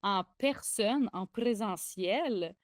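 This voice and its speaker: Young Québécois woman co-host, excitable and chatty, dry booth sound. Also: mid-range voice, very slow, no echo. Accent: Québécois French. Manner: excitable, chatty, frequent fillers and restarts. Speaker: podcast co-host. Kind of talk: casual podcast chat.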